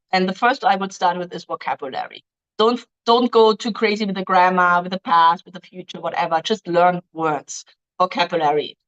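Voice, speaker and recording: On a lo-fi recording, a woman with a voice on the low side hosts a casual live-stream Q&A for a dating agency. She reads viewer questions aloud, and her answers, shaped by German as her first language, are loosely phrased and full of ums.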